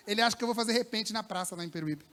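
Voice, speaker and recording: A pastor delivers a lively church sermon aimed at young people before a live congregation. His high-pitched voice moves fast, slangy and colloquial, shifting between loud bursts and hushed lines.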